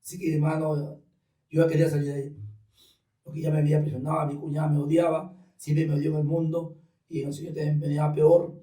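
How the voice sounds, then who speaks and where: Man, testimony guest, animated storyteller, higher voice, mellow tone, roomy off-mic sound. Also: quick pace, recorded from a distance. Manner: animated storyteller acting out dialogue. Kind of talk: personal testimony in conversation.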